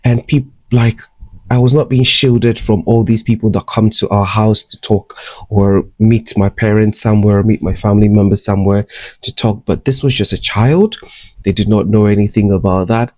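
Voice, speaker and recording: A young man from Ghana tells his life story to the camera at home in bed, candid and reflective, as a personal vlog. His voice is fairly low, darkish and steady at a moderate pace. The close-up camera recording is dry.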